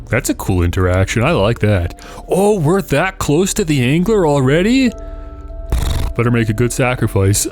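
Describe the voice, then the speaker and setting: Animated man commentating on a game. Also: mid-range voice. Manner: animated, reactive, thinking aloud. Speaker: gaming video host. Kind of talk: casual gameplay commentary.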